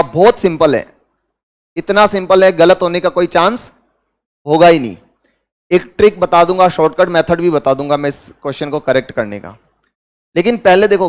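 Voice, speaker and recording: A man with an Indian accent giving a grammar lecture in a classroom, who asks his students questions and then answers them himself. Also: high voice. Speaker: English teacher.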